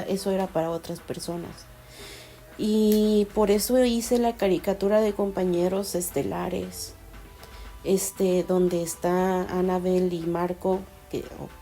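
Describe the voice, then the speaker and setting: A woman's voice: fairly low pitch, warm tone. A woman telling a personal story in a casual, confiding way, rambling with many fillers and restarts. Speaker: vlogger.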